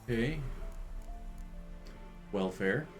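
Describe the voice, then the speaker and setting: A man casually commenting while playing a video game, thinking aloud in a relaxed way. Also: mid-range voice, drawn-out words, music in the background. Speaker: game streamer.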